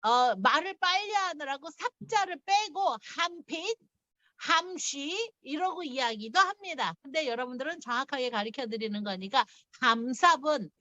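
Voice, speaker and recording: Middle-aged female teacher, bright and animated, chatty lesson delivery, dry close recording. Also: sits high, moderate pace, no echo. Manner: chatty, laughs often, explains step by step. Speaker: language teacher. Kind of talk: casual online language lesson.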